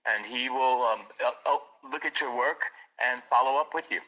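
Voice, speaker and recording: Man talking about his art gallery, bright tense voice, earnest, repeats himself, kinda muffled lo-fi audio. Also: mid-range voice, normal speed. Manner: earnest, repeats words as he talks. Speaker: art gallery owner, guest. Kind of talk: casual interview.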